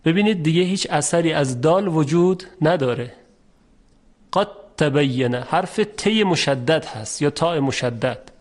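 A man teaching a lesson on recitation rules, patiently explaining step by step and repeating each example slowly. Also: on the high side, lively intonation. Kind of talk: formal spoken lesson.

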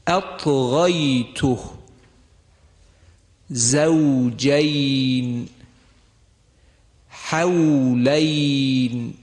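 A man teaching the rules of Quran recitation, drawing out his example words slowly and deliberately. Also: mid-range voice. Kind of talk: tajweed lesson with recited examples. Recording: long hall reverb.

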